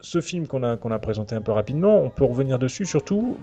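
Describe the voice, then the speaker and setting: This podcast host discusses films in a semi-prepared way, pausing frequently to find his words. His mid-range voice is warm and sing-song, and he's a fast talker. Music plays clearly in the background of the dull, lo-fi recording.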